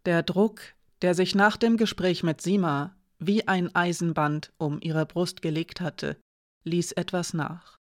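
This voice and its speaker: An audiobook narrator reading a fantasy novel in a steady, clear storytelling voice of middling pitch. The recording is close and dry, with no room sound. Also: measured pace, dry recording. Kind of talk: scripted narration.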